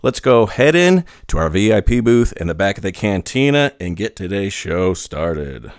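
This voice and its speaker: A man's voice: fairly low pitch, moderate pace. A man hosting a podcast, reading a jokey scripted intro and then chatting casually with friends. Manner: lively, joking, animated delivery. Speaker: podcast host. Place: small room with friends.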